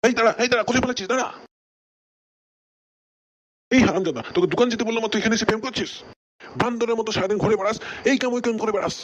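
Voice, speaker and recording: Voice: medium pitch, rapid-fire, natural voice. A cranky old bachelor brother, voiced by a performer, fires off scolding rants at breakneck speed. His comes through in this comic cartoon skit. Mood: furious. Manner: scolding, ranting. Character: grumpy old bachelor elder brother, male.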